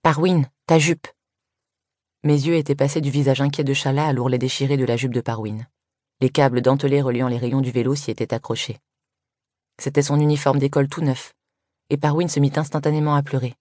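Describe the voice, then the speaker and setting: A woman reading a first-person story aloud in an even, measured way. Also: a bass voice, dry recording, studio quality. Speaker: audiobook reader. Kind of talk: scripted first-person narration.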